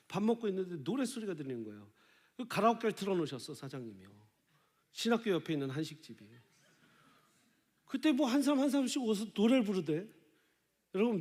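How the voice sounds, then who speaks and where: A man preaching a live Sunday sermon as pastor, animated and acting out quoted voices. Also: fairly high pitch. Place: church sanctuary. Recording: live sermon in a large reverberant sanctuary.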